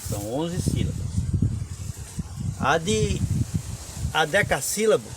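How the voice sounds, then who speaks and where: Male teacher, slow and patient, recites verse, faint background hiss. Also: fairly high pitch, sing-song. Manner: unhurried, explains step by step and recites verses. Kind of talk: lesson on cordel poetry.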